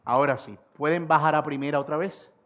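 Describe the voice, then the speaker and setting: A man preaching an expository sermon as pastor, repeating key sentences slowly for emphasis and rising in force on rhetorical questions. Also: a little high, fairly even intonation, a bit bright.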